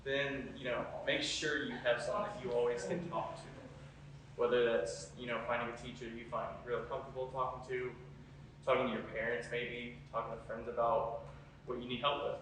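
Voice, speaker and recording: A man's voice: mid-range voice, little pitch movement, normal speed. A young adult man, a college student, giving casual answers in an interview. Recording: very echoey, distant mic, faint noise.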